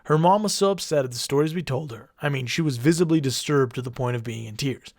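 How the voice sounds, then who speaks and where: A man's voice: medium pitch, quick pace, no echo. A man co-hosting a podcast, narrating a creepy story with dry jokes. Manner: wry, deadpan jokes. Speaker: podcast co-host. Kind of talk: casual storytelling.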